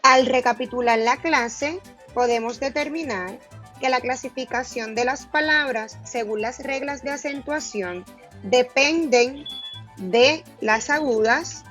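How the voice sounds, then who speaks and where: A woman teacher giving a recorded grammar lesson, stressing each syllable slowly and deliberately. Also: on the high side, fairly bright tone.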